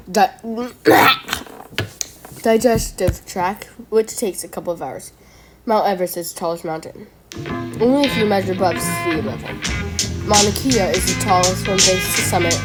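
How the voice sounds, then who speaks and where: A woman's voice: mid-range voice, darkish tone. A woman giving casual reaction commentary, chatty and playful, who argues with herself and trips over long words. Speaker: video creator reacting to school myths.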